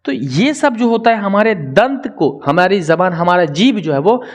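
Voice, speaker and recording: A young man teaching a grammar lesson, drawing out syllables slowly and asking viewers to answer in the comments. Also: high-pitched, big pitch swings. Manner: drills sounds slowly, repeating syllables.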